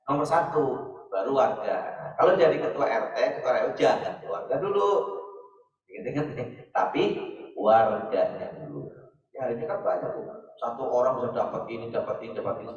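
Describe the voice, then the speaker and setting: Male preacher, conversational sermon style, recorded from far off in a very echoey hall on dull, muffled audio. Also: medium pitch. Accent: Indonesian. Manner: chatty, addresses listeners as Pak. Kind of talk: casual midday mosque sermon. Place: mosque hall.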